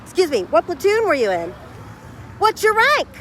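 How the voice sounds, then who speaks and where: A woman argues outdoors at a street protest, her voice pitched extremely high. She taunts and fires questions one after another, confrontational and relentless. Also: wildly swooping pitch, normal speed, fairly bright tone. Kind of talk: heated street argument.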